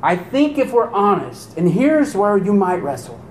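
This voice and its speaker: Male preacher, lively delivery, rhetorical questions to the pews, slightly raised pitch, roomy echo. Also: unhurried. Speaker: pastor. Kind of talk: sermon. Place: church sanctuary. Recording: echoey room with faint rumble.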